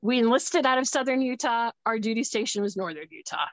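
A woman guest in casual conversation, telling a personal story in an animated way. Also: fairly high pitch, a little fast, no room sound, low-quality recording. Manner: animated, acts out dialogue.

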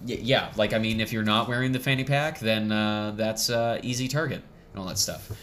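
A man's voice: on the low side, brisk, a bit bright, slight background noise. A man co-hosting a casual podcast, talking in an easygoing, hesitant way with many fillers. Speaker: podcast co-host. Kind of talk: casual chat on a live podcast.

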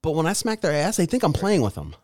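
A man's voice: on the high side, wildly swooping pitch, fast, darkish tone. A man co-hosting a podcast, crude and joking, often giving short agreeing replies in casual chat. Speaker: podcast co-host.

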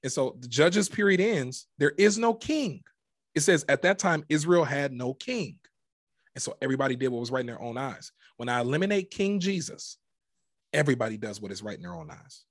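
A man's voice: medium pitch, expressive, brisk, no room sound, studio quality. A man in his twenties, a guest minister, talking about faith in an impassioned, preacherly way with plenty of emphasis. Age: 20s. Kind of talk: casual faith conversation.

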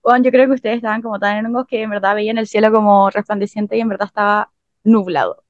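A woman's voice: mid-range voice, fairly even intonation, fast, dry recording, lo-fi sound. A young woman with a Chilean accent chatting casually with friends, teasing them and contradicting their story. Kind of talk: casual chat.

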